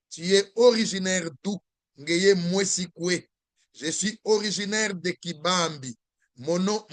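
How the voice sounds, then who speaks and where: A man teaches a language class over a video call at an unhurried, deliberate pace. His voice sits fairly high and the sound is dry and close, with no room behind it. He repeats words patiently for his learners. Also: a bit bright, dry recording. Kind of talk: online language lesson.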